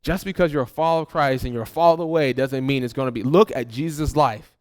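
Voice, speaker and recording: A man's voice: mid-range voice, fast, clear, resonant tone. A man preaching a sermon as pastor. He talks to the congregation in a conversational way and often repeats a word as he restarts a thought.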